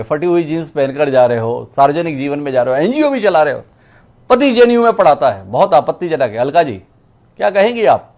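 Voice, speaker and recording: High voiced guy hosting a news debate, sarcastic rhetorical questions. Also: a little mellow. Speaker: TV debate host.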